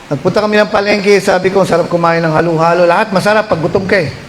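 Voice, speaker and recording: A man with a Filipino accent preaching a storytelling sermon in an animated way, sometimes rising to shouts as he voices people's pleas. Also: high-pitched, fast, a little hiss or hum, poor audio. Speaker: pastor.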